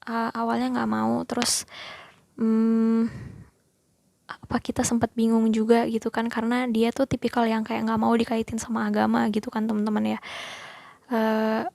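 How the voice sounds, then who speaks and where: A woman's voice: on the high side, monotone, moderate pace, creaky, a little mellow, no echo. A young woman student telling a personal story in a casual, hesitant way, often speaking to viewers as friends. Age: young adult.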